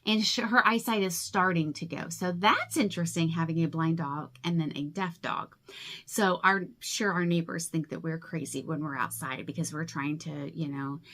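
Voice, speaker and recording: A woman's voice: sits low, moderate pace, a bit bright. Chatty woman in her forties. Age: 40s. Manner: chatty, rambling, self-deprecating. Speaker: crafting vlogger. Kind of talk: casual talk to camera.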